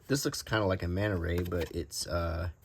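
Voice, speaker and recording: This older or middle-aged collecting-channel host speaks at a normal speed in a deep, creaky voice. His show-and-tell is easygoing and off the cuff, drifting as he thinks out loud over faint background noise.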